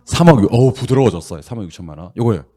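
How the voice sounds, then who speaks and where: Middle-aged male classroom instructor, lowish voice that swings widely, quick to scold and tease. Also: lively intonation. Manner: brisk, scolding, teasing, loud bursts of exasperation. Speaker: real estate exam instructor. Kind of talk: classroom lecture drilling students.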